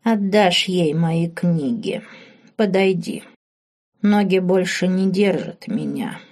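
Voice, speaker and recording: A woman voicing an ancient, half-mad witch, three hundred years old, who talks calmly one moment and shrieks the next. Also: medium pitch, slow pace. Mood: weary. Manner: shifts between calm, shrieking and cackling.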